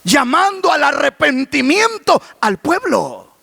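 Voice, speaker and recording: A male pastor preaches a sermon, asking the congregation rhetorical questions and breaking into shouts. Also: very high voice, very animated, slow, gravelly, dry recording.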